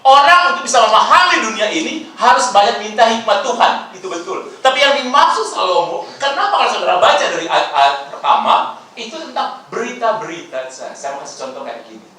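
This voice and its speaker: A high-voiced, bright man preaching in a large church hall, his voice swooping up and down as he jokes and then drops to a hush. The mic sits far off, so the sound bounces around the hall with a faint hiss beneath. His manner is lively and playful. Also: a little fast. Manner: animated, playful, swings between loud outbursts and quiet asides. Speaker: pastor. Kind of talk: sermon.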